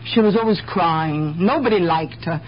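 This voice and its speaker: A radio actress in a 1970s mystery plays a guarded, plain-spoken immigrant woman who is tired of the world and speaks in broken grammar. Her voice sits on the low side, lightly acted at a moderate pace, with a confiding, resigned mood. The old broadcast recording sounds dull, over a faint bed of noise.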